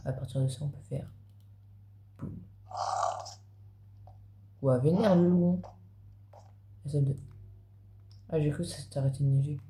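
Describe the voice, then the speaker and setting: A man giving casual gameplay commentary, chatting straight to his viewers as a gaming video creator. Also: medium pitch. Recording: roomy echo, faint background noise.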